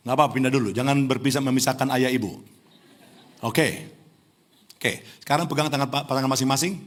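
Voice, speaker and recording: A middle-aged man from Indonesia preaching a lively sermon in a church, teasing the congregation and rising to near-shouts. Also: medium pitch, a little fast. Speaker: pastor. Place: church hall.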